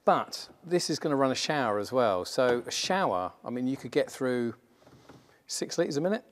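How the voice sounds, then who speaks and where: In a large indoor workshop, a man in his forties co-hosts a van conversion, explaining the fitting in an easygoing, practical chat. He speaks at normal speed in a mid-range, sing-song voice.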